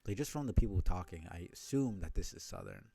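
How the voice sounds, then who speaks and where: A man's voice: sits low, animated, quick pace, dark tone, husky. A man from New York City streaming a game, thinking aloud in a rambling, filler-heavy way. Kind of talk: let's-play commentary.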